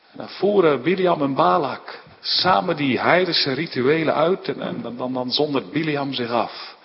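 A man's voice: medium pitch, slight background noise. A man preaching a sermon, retelling scripture with emphatic rises and a frequent tag "hè". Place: church. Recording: dull sound with long church reverb.

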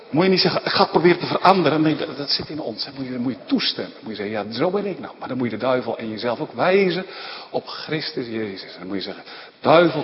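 A man preaching a sermon in speech, animated and emphatic, often asking his listeners short questions. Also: mid-range voice. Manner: animated, rising to emphatic outbursts, frequent tag questions. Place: church. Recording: dull lo-fi recording in a reverberant hall with faint background noise.

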